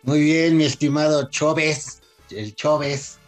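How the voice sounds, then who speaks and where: A man's voice: a little high, steady tone, slow pace, faint music behind, low-quality recording. A man with a Mexican accent co-hosting a radio show in informal, slangy casual chat.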